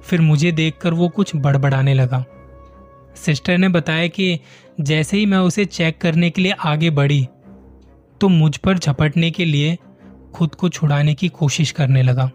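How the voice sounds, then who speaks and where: A man reading a horror story as suspenseful first-person narration, slow and measured. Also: fairly high pitch, a little mellow, faint music behind.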